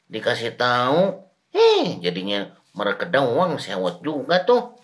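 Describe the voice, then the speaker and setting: A woman with a Sundanese accent voicing a bumbling male village night watchman in a motion comic, bickering and firing off quick comic retorts. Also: extremely low pitch, wildly swooping pitch, heavily acted. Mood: grumbling. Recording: roomy echo, loud guitar.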